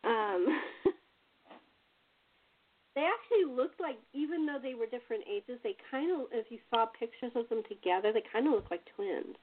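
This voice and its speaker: A slightly high, expressive female voice at a moderate pace comes through narrow, tinny, phone-like call audio. She is a host and playwright chatting casually on a panel, telling anecdotes and chuckling often.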